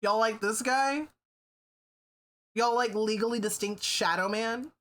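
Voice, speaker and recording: Bright-voiced, foul-mouthed woman streamer. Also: fairly high pitch, unhurried. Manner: swears freely, laughs often, chatty. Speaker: livestreamer. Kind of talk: casual stream chat.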